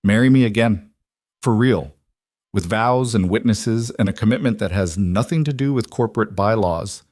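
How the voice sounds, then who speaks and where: An earnest, quietly devoted single father speaks gently, as a man reads him in a storybook narration. His voice is lowish and recorded dry and close. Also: normal speed, no room sound, natural voice.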